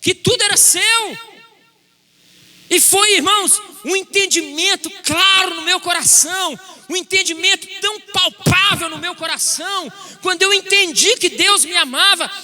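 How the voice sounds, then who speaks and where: A man preaching a sermon as a pastor, telling a personal story with passion and rising to shouts. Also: very high-pitched, moderate pace, few pauses.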